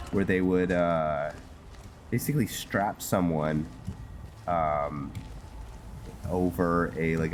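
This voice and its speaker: Over video game music and slight background noise, a man with a low-pitched voice offers casual, wandering gameplay commentary. He is a gamer who hosts a roleplay series, and he hesitates as he talks both to himself and to his viewers.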